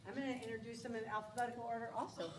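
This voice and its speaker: A woman's voice: a little high, little pitch movement, racing, husky. A woman principal introducing new teachers at a school board meeting, upbeat, with many fillers and small laughs.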